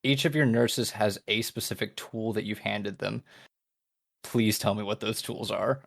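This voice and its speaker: A man's voice: lowish voice, steady tone, unhurried, gravelly, a bit bright. A man acting as game master for a tabletop role-play, prompting players casually.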